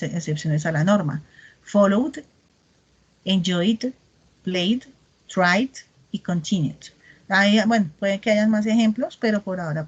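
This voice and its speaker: Woman, English teacher, video-call class, patient and explanatory, mid-pitched voice. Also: dull audio. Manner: patient, explanatory, modeling English words slowly.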